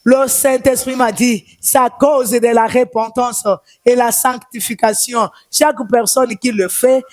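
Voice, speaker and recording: A woman's voice: on the high side, steady tone, a little slow, darkish tone, no echo. A woman prophetess with a Congolese French accent, giving a fervent testimony in a repetitive, sing-song preaching cadence.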